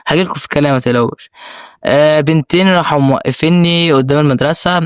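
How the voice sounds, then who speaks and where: Fast-talking Egyptian young man. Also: fairly high pitch, clear, resonant tone, dry recording, clean studio sound. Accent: Egyptian Arabic. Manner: emotional, rambling with many restarts. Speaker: vlogger. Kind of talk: personal storytelling.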